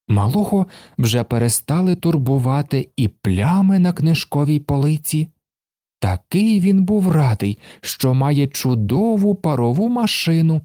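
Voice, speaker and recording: Slow expressive storybook reader, man. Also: medium pitch, no echo, clean studio sound. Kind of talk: storybook narration.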